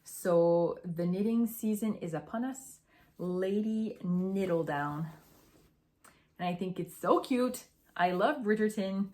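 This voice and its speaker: Young woman hosting a casual podcast, tired, gushing and chatty, slow delivery, mid-pitched. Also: mellow. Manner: chatty and gushing, with fillers and restarts. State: tired after a morning run. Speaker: podcast host. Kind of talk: casual knitting podcast chat.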